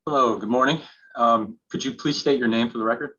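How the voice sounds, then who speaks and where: A man's voice: medium pitch, sharp tone, slightly rough. Man chairing a hearing, dull lo-fi recording. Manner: halting, with many fillers. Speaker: hearings officer. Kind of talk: formal proceeding moderation. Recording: dull lo-fi remote hearing audio.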